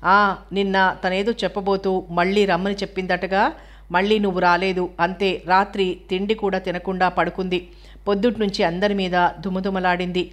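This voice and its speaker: A woman's voice: mid-range voice, flat delivery, a little fast, natural voice. A woman voicing a weary, irritable older sister in an audiobook reading of a novel. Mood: irritated.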